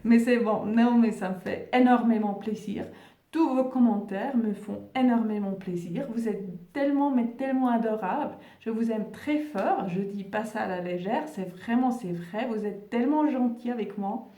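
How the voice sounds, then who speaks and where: A woman with a non-native French accent, talking gently to her viewers in a vlog and often pausing to search for words. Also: on the high side, roomy sound, far from the mic. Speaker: spiritual video host. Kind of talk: casual vlog address to viewers.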